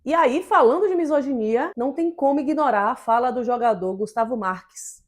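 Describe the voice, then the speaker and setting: A woman's voice: sits high, a little fast. A woman co-hosting an opinion talk show, speaking emphatically and indignantly and firing off rhetorical questions. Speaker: podcast co-host.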